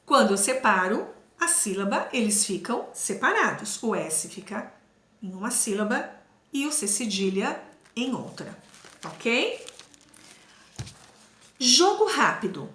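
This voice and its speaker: A woman teaching a primary school class, explaining slowly and carefully and repeating sounds for children. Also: a little high, very animated, sharp tone, roomy sound.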